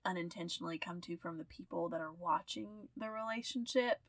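A woman's voice: on the low side, dry recording. A woman with a Southern US accent, co-hosting a podcast in casual chat and laughing easily. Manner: giggly, quick to laugh. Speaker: podcast co-host.

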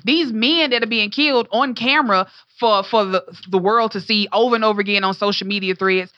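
A woman's voice: mid-range voice, fairly quick, pushed and bright, dry recording, highs cut off. A young adult woman and entertainer, telling a story in casual talk with passionate, blunt, profane energy. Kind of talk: casual talk show conversation.

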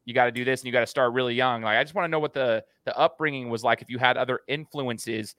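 An American podcast host runs an interview in a bright, punchy, middle-pitched voice, talking fast and casually like one buddy to another. The sound is close and dry, with no room around him.

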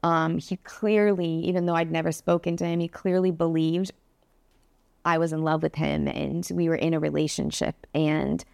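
Low, flat-voiced woman telling her story. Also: moderate pace, gravelly, smooth, dry recording, studio quality. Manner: earnest, candid, many fillers. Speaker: podcast guest. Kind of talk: interview storytelling.

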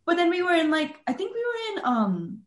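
A woman's voice: very high-pitched, wildly swooping pitch, fairly quick, roomy sound. A young woman, a guest on a podcast, chatting casually and rambling with frequent "like" fillers. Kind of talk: casual chat.

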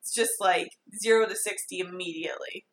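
A woman co-hosting a podcast in casual chat, excitable and rambling, often saying "like". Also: on the low side, brisk, slight background noise. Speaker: podcast co-host. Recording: roomy echo.

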